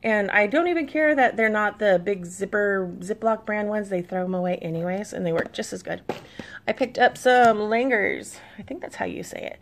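A woman's voice: mid-range voice, normal speed. A woman in her thirties, a mom chatting casually to camera about her shopping haul, easygoing and reading labels aloud.

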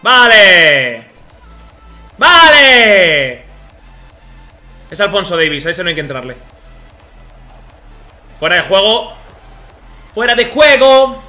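Volatile, high-voiced Spanish gaming streamer. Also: male voice, very animated, slow, pauses often. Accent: Spain Spanish. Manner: volatile, swings from muttering to shouting and swearing; talks to himself and his viewers. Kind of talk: live football video game commentary. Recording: echoey room with music behind.

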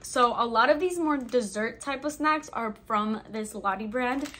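A woman's voice: a little high, a little slow, pushed and bright, a little hiss or hum. A young woman vlogger reviewing snacks in casual, bubbly chat, full of "like" fillers. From Albanian heritage. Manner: bubbly, chatty, filler-heavy with lots of "like".

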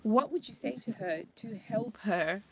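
At a fabric shopping meetup, a woman vlogs and interviews people, chatting casually and teasing them with playful questions. Her mid-range voice has lively intonation and a measured pace, with loud crowd chatter in the background.

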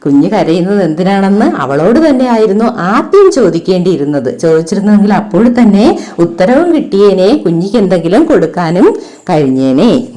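A woman's voice: mid-range voice, sing-song, normal speed, dark tone. A woman teacher reading a textbook lesson aloud to young children. She reads rhythmic verse, then asks the children simple questions and addresses them fondly. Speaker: primary school teacher.

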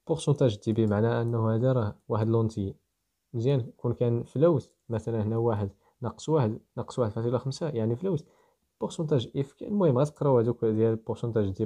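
A man with a Moroccan Arabic accent teaches programming to students, thinking aloud as he steps through code. His voice is mid-range and dark in tone, and he talks at a racing pace.

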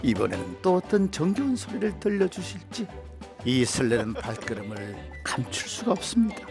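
A male narrator with a gravelly, fairly high voice and animated delivery. He reads comic scripted lines with mock sentiment over clear background music. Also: normal speed. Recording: music behind voice.

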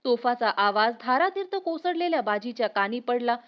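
A woman's voice: on the high side, expressive, normal speed. A woman teacher reading a history lesson aloud for students, telling it expressively and speaking to viewers directly. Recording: muffled lo-fi recording.

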